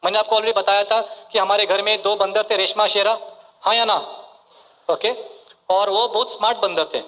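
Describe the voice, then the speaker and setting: A man's voice: sits high, fairly even intonation, moderate pace, bright, forceful tone. A man giving a motivational seminar speech in a large hall, mixing Hindi with English phrases and often checking in with his audience. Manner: keeps checking in with the crowd, asking for yes or no and saying okay. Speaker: motivational business speaker. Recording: reverberant hall sound.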